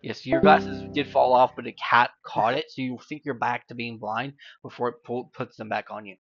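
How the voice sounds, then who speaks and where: A man's voice: medium pitch, steady tone, normal speed, a bit bright, soft background music. A man narrating a tabletop game as game master, in a loose, rambling way. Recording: dry, dull lo-fi mic.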